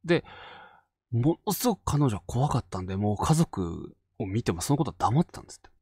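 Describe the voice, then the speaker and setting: A man from Fukushima hosting and narrating a spoken ghost story, dropping to hushed tones for tension. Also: medium pitch, very animated, fairly quick, slightly rough, dry recording, clean studio sound. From Fukushima Prefecture, Japan. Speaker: ghost story teller and host.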